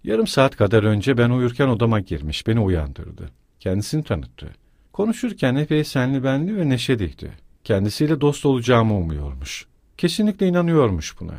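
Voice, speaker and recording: A man's voice: mid-range voice, big pitch swings, brisk, a little mellow, dry recording. Man reading a brooding young man, terse, guarded, dry sound.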